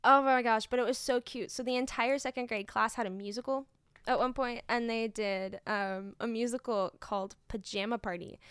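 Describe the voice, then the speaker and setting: A woman's voice: a little high, a bit bright, clear, resonant tone, no room sound, studio quality. A young woman, a student teacher streaming, telling funny classroom stories in casual chat with lots of fillers and laughter. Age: young adult. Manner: chatty storyteller, laughing often, lots of fillers.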